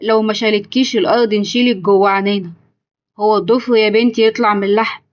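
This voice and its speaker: A woman's voice: mid-range voice, steady tone, quick pace, highs cut off, lightly acted. A woman voicing a kind old village uncle with an Egyptian accent, in a told story. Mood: comforting. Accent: Egyptian Arabic. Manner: comforting.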